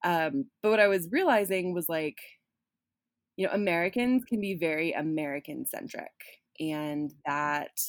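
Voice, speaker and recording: Woman, low voice, podcast host, casual, rambling with fillers, dry sound. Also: no echo. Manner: rambling, many fillers and restarts.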